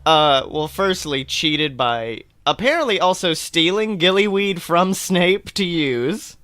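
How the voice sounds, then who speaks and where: A male podcast host chats casually and launches into a comic film rant, animated, exasperated and sweary as he complains. His voice is a little high and slow, captured as a dry, clean studio recording.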